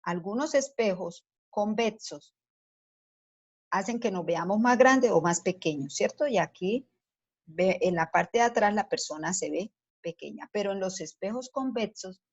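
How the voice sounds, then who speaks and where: A woman's voice: mid-range voice, animated, a little slow, husky. A woman teacher giving a science lesson to children, explaining patiently step by step and asking the class questions as she goes. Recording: dull lo-fi sound.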